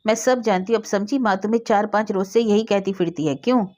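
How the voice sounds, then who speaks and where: A woman's voice: medium pitch, quick pace, a little mellow, lightly acted. A woman voicing a devoted young wife who speaks in a pleading, earnest way. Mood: indignant.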